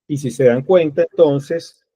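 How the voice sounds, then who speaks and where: Typing code while reasoning through each step out loud, this programming teacher speaks at a measured pace in a slightly high, mellow voice. It's a screen-recorded coding tutorial captured in a dull, lo-fi, dry recording.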